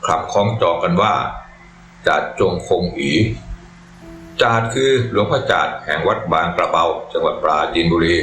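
Low-voiced guy telling a monk's life story slow and reverent, roomy echo, soft music under it. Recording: echoey room with faint music. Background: faint music.

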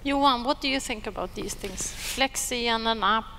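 Panel moderator, woman, higher voice, brisk and direct, stage mic. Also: vocal fry, pushed and bright, a little hiss or hum. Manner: brisk questioning. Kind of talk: panel discussion. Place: conference stage.

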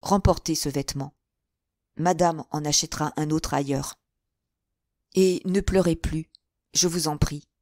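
A woman voicing a male store owner who speaks quietly, tenderly and with restraint. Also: deep voice, fairly even intonation, measured pace, long pauses, dry recording, studio quality.

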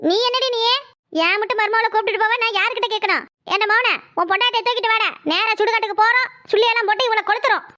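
A woman's voice: very high-pitched, fairly even intonation, racing, bright, forceful tone. A woman voicing a harsh, mocking mother-in-law in a cartoon. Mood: bossy. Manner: scolding, blunt and mocking. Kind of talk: cartoon voice acting.

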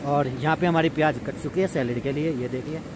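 This Indian vlog host speaks in a fairly high voice, keeping things chatty and casual as though talking to friends. He's recording at a riverside campsite, and the rushing water makes for a loud, noisy background.

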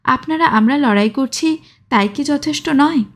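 Woman reading an army commander guy, kinda scolding but gentle, higher voice. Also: moderate pace. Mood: reproachful.

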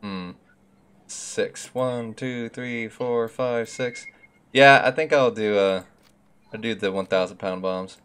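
Low-voiced man gaming on stream. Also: slow pace, fairly bright tone, clear, resonant tone. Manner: laid-back, mutters to himself while picking gear. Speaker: streamer playing a tank game. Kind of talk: casual gaming chat.

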